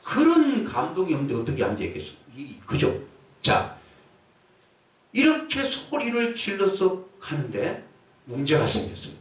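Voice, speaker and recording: Animated Korean pastor shouting in echoey hall. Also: male voice, on the high side, normal speed. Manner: animated, shouting out examples and calling for responses. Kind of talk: sermon. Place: church or prayer house hall. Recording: echoey hall, voice from far off mic.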